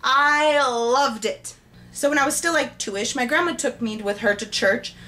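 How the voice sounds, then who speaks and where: A woman vlogger telling a childhood story to camera in a bubbly, excitable, self-mocking way. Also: fairly high pitch, brisk.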